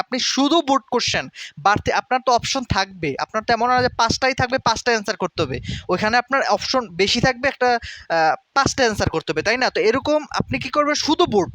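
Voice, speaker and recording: A man's voice: extremely high pitch, sharp tone, dry recording. A young man teaching an exam-prep lesson, repeating words aloud and speaking straight to the students. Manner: repetitive, drills words aloud, direct instructive address. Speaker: tutor.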